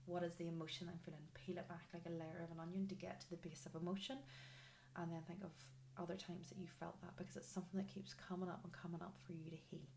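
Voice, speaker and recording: A woman giving a casual spoken card reading and guidance to viewers in a careful, unhurried, often soft manner. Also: lowish voice, gravelly, a little hiss or hum, poor audio. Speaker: spiritual card reader hosting a video.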